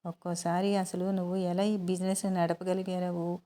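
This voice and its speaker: A woman reading the lines of a caring young man who calmly reassures and teases. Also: on the low side, normal speed, lightly acted. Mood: tender. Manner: soothing, reassuring.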